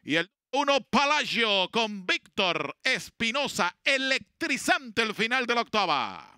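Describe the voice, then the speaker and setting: High, bright male race commentator, excited. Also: a little slow, clean tone, dry recording, clean studio sound. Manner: excited, urgent calling in short bursts.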